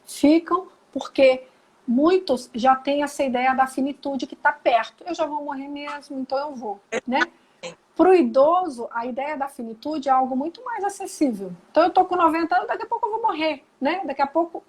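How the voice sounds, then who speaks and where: High-voiced Brazilian woman, animated. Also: normal speed, poor audio. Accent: Brazilian Portuguese. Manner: animated, acts out quoted dialogue. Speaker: psychologist guest. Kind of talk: casual live chat. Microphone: video call.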